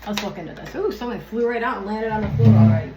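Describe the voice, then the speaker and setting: A woman's voice: mid-range voice, very animated, fast talker, heavy background noise. A woman doing an oracle card reading on her channel, talking in a rambling, irritated way and swearing often as she rants. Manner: rambling, loses her train of thought. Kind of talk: casual spoken card reading vlog. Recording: echoey room with faint ambience.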